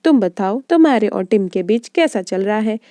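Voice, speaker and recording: A woman's voice: medium pitch, expressive, moderate pace, dark tone, no room sound, studio quality, natural voice. A woman voicing an ambitious young woman who hides her hurt and firmly turns her old love away. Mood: guarded.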